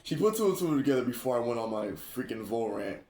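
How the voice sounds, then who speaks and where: Animated man telling stories, roomy sound. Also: mid-range voice, fast. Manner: animated, laughing, acts out quoted speech. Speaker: streamer and host. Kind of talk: casual storytelling chat. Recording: roomy echo.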